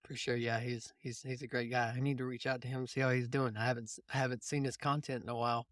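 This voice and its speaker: Hosting an informal coaching chat, a man who coaches mindset and runs a podcast explains ideas loosely, often restating them. He talks fast in a slightly bright mid-range voice with little pitch variation, recorded at studio quality with no room sound.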